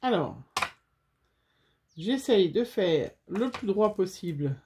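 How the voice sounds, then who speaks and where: A woman's voice: mid-range voice, lively intonation, slow pace, background noise. A woman chatting casually to viewers while making a scrapbooking craft, with frequent fillers.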